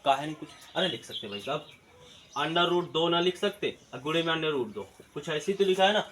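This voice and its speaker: Chatty math teacher, tinge. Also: male voice, on the high side, lively intonation, normal speed, a bit bright. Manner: rhetorical questions answered himself; colloquial eastern Hindi words. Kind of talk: classroom-style math lesson video.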